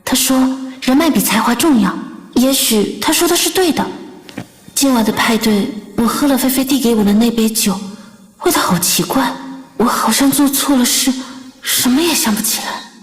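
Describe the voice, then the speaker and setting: An actress as a wary young avenger, high voice. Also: female voice, normal speed, reverberant, in a large hall, natural voice. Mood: wistful. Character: young woman bent on revenge, guarded.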